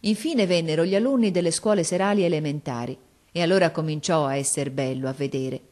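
A woman reading a classic children's story aloud as narrator, in a measured, expressive way. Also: low voice. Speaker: audiobook reader. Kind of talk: scripted narration.

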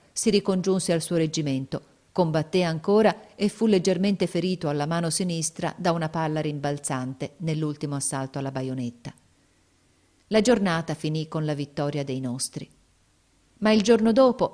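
A woman reads a story aloud with measured, expressive pacing. Her voice sits fairly low for a woman, steady and composed through the narration. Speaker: audiobook narrator. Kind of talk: scripted narration.

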